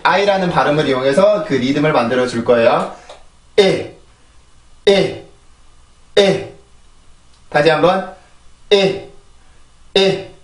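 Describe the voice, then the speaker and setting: A man's voice: on the high side, recorded from a distance. A man teaching English pronunciation, explaining patiently and repeating model words several times over. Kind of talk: pronunciation lesson. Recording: echoey room, voice a bit off-mic.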